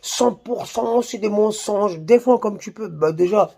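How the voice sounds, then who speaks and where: A man with a high, gravelly voice tears into a rival in a slangy, mocking rant. He swears freely and talks straight to the camera in a casual vlog. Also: measured pace, warm tone. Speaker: YouTuber. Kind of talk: heated insulting rant to camera.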